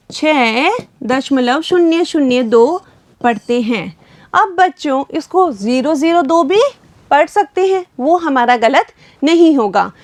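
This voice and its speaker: A high-pitched woman with a Rajasthani Hindi accent talks slowly and patiently, as a teacher explaining a math lesson to young children. The recording is dry and close, with no room sound. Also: no room sound. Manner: patient, addresses children repeatedly. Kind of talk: primary school math lesson.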